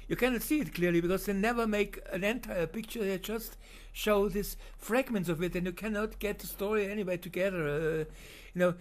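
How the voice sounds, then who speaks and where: Here a high-voiced man with a German accent talks unscripted over video footage. The narration is choppy, full of fillers and restarts.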